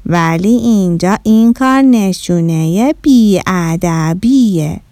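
A woman voicing a young girl who slowly and firmly corrects her guest. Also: high voice, expressive, a little mellow, no echo, studio quality, pitched above the performer's own voice. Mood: earnest.

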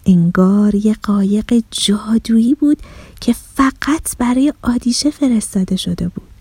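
A woman narrating a children's bedtime story in a soft, slow, gentle whisper, close to the mic. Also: fairly high pitch, breathy edge, no room sound.

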